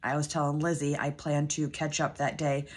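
Speaking low, husky and flat at a moderate pace, this budgeting vlogger is a woman in her thirties chatting to camera at home. Her voice is failing her, and she rambles with plenty of ums and restarts.

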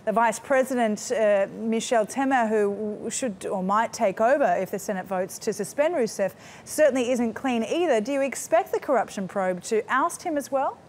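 A woman's voice: on the high side, animated, moderate pace, hardly any pauses, darkish tone, slight background noise. A woman in her thirties interviewing a guest live as a television news anchor. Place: TV news studio.

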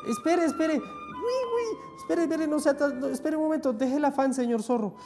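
A man voicing a tiny, cunning male piglet who pleads and wheedles in a squeaky voice. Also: animated, moderate pace, warm tone, soft background music, close to an everyday voice. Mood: panicked.

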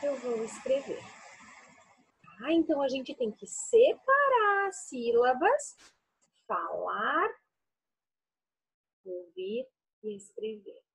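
Brazilian woman teacher, high lively voice, very breathy, slow syllable-by-syllable early-reading lesson for kids. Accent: Brazilian Portuguese. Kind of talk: early-literacy lesson for young children.

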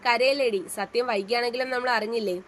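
A woman's voice: fairly high pitch, brisk, a little hiss or hum, lightly acted. A woman voicing a protective young man who reassures his wife in a read-aloud story. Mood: reassuring. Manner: firm yet tender, reassuring.

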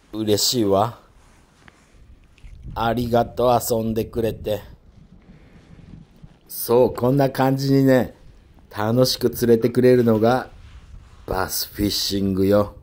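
A man talking casually while fishing outdoors from a lakeside pier, speaking in a soft, feminine manner, picked up by a worn action camera. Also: mid-range voice, slow, long pauses. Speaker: fishing vlogger.

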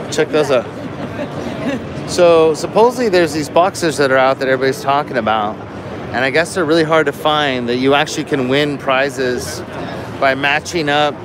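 A man hosting a live walkthrough vlog, chatty and easily excited, commenting as he walks a big busy expo floor. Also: medium pitch, noisy background. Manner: excitable, chatty, lots of "so" and "cool". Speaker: vlog host.

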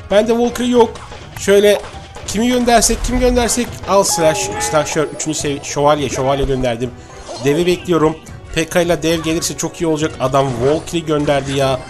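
A man with a high-pitched voice gives excited commentary over his own game. He cheers his units on and vents when things go badly. Game music plays clearly behind him. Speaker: gameplay commentator.

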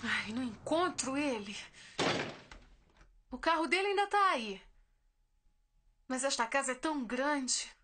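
An actress playing an anxious wife in a dubbed telenovela, muttering fretfully to herself. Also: female voice, sits high, lively intonation, unhurried, pauses often, heavy background noise. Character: anxious young wife searching for her husband.

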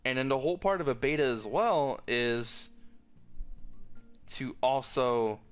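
A man at an ordinary pitch rants about a video game, swearing and restarting his sentences. His voice keeps cracking, and faint music plays in the background. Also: expressive, a little slow, smooth. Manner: frustrated, profane ranting with frequent restarts. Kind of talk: solo rant video.

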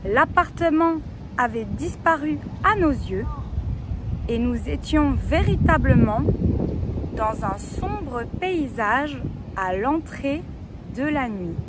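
A woman's voice: sits high, lively intonation. A young woman dictating a text outdoors, phrase by phrase, as a teacher would. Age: young adult. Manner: dictating slowly with repeats and spoken punctuation. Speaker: French teacher. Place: outdoors in a city park. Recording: clear outdoor street and traffic noise.

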